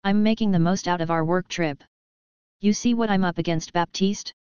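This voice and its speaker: A big, boisterous male mercenary, as a woman narrator puts him on, full of jokey, overfamiliar charm with menace underneath. The voice is low and smooth. The recording is dry and close, with a slightly dull tone. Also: moderate pace, darkish tone, dry recording, lightly acted. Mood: breezy menace.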